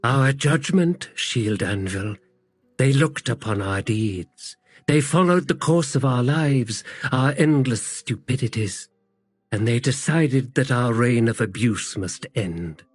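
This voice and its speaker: A man's voice: mid-range voice, lively intonation, slow, no room sound. A man voicing a bitter, guilt-haunted woman warrior, grave and heavy, in an audiobook.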